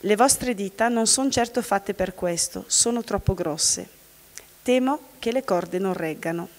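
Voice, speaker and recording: A woman's voice: mid-range voice, a little slow, natural voice. A woman reading aloud the lines of a doubtful male music teacher in a fairy tale. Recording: long hall reverb.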